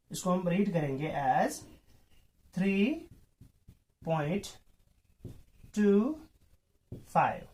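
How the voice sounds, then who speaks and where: A man teaching a math lesson, mixing in English terms. He speaks slowly, repeats himself and often checks that students understand. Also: high-pitched, darkish tone.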